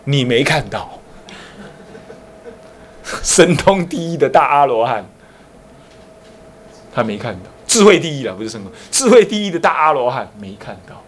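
Animated Taiwanese monk, lively storyteller. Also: male voice, mid-range voice, normal speed, long pauses, a little hiss or hum. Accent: Taiwanese Mandarin. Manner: animated storytelling, acting out dialogue between characters. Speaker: Buddhist abbot teaching a class. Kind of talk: Buddhist dharma lecture.

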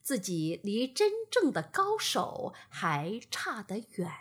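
Gentle woman storyteller, breathy and slow, sing-song pitch for a bedtime read. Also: huge pitch swings.

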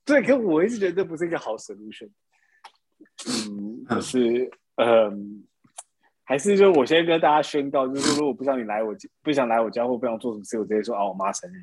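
A man, telling stories in a casual podcast chat, animated, laughing often. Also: medium pitch, a little fast, husky. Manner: animated storytelling with frequent laughs. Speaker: podcast co-host.

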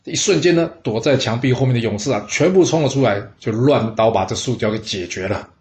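A man telling a historical tale in an animated, chatty way, with asides to listeners. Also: medium pitch, a little fast, slight background noise. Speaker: storyteller. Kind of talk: lively historical storytelling. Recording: roomy echo.

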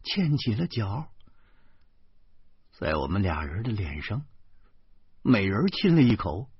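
A man's voice: on the low side, big pitch swings, slow pace, breathy edge. A man reading a novel aloud in a dramatic audiobook style, stammering and crying out in the narrator's own lines. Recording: dull lo-fi dry recording.

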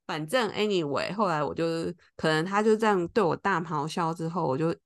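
A fairly low-pitched, fairly quick woman's voice, belonging to a podcast co-host. She narrates a story in easygoing conversation, animatedly acting out the quoted speech.

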